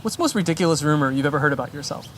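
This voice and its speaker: An interviewer asking rapid-fire questions and reacting briefly and upbeat to each answer. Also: mid-range voice, lively intonation, fairly bright tone, slight background noise.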